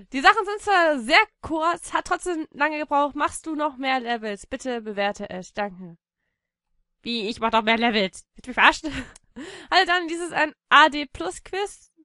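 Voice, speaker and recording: A woman with a German accent giving playful, silly let's-play commentary, switching between mock storytelling and sudden shouts. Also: sits high, animated, measured pace, dry recording, clean studio sound. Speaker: gaming YouTuber.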